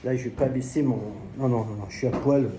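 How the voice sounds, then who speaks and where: A man's voice: mid-range voice, steady tone, fast, over a noisy crowd. A man from France telling crude, joking anecdotes about selling knives in a casual vlog, swearing often. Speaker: knife seller. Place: at home by a pool.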